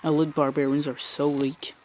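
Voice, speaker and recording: A man's voice: on the high side, little pitch movement, normal speed, dull audio, a little hiss or hum. A man giving frustrated, cursing commentary while opening packs and playing a mobile game. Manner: frustrated ranting with frequent cursing and restarts. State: angry. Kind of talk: angry gameplay commentary.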